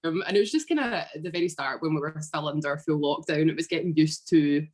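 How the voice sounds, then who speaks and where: A young Scottish woman in her twenties chats casually as a podcast guest in a relaxed interview, using lots of fillers. She speaks fast in a low voice.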